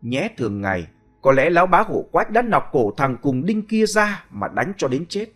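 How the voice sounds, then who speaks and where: A man reading a ghost story aloud in a dramatic, expressive way. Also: a little high, normal speed, soft background music. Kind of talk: scripted storytelling.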